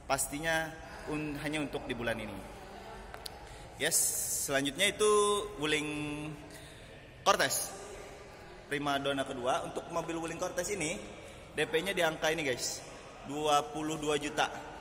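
A man gives an upbeat promotional sales pitch to viewers as a vlog host, mixing in bits of English, recorded on a phone at arm's length in a large showroom. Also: measured pace, pauses often. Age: 20s. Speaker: car dealership salesman and channel host. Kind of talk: promotional vlog talk to camera. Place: large indoor car showroom. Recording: echoey large showroom with loud ambient noise.

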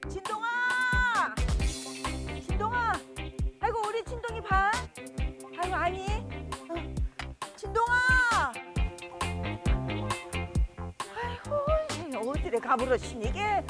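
An actress plays a fussy, sighing woman with a Jeju accent. Her very high voice swings widely in pitch. Music plays clearly behind her. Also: very animated, slow, long pauses, heavily acted. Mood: calling. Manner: exclaiming, sighing, calling out. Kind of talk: sitcom acting in Jeju dialect.

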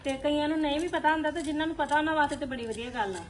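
A woman's voice: high-pitched, racing. A woman with a Punjabi accent hosting a casual vlog, explaining things and checking for agreement. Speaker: vlog host. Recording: clear background noise.

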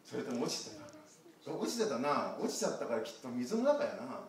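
Give me a pastor telling children a picture-card story in a big echoey church, lively and asking questions. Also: male voice, mid-range voice, a little fast. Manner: animated, talks with the children. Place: church sanctuary. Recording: echoey church hall from far off.

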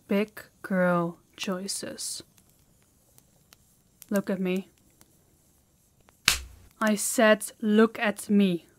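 A woman with a natural, mid-range voice and no room sound plays a harsh, dominant female demon training a human captive in an intimate audio roleplay. She sounds commanding and menacing, often dropping toward a whisper.

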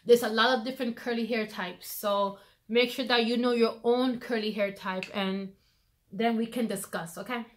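A woman's voice: a little high, fairly even intonation, normal speed. A woman vlogger chatting casually through her hair routine, full of fillers, recorded on a phone camera. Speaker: beauty vlogger.

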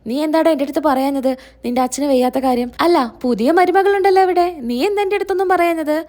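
A stern old grandmother scolds her family , voiced by a woman telling the story. Her reproaches come fast and high-pitched. She is fiercely protective of her grown son. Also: warm tone, close to an everyday voice. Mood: scolding.

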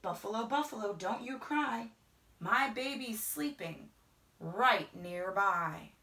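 In a large indoor space, a middle-aged storyteller gives an expressive reading of a children's picture book. Her pace is unhurried and lilting, with broad pitch shifts, and she often hushes her voice to a whisper.

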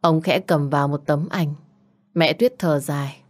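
Warm, deep-voiced female storyteller. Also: unhurried. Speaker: audiobook narrator. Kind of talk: dramatic audiobook reading.

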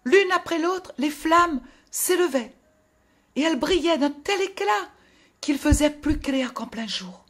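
A woman narrating a fairy tale in a gentle, expressive storytelling voice that drops to a hush at sad moments. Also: high-pitched, unhurried. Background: faint music.

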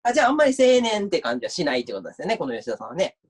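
Lively man giving an online lecture. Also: high voice, racing, husky. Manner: lively, chatty, reads out viewer comments. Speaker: university lecturer.

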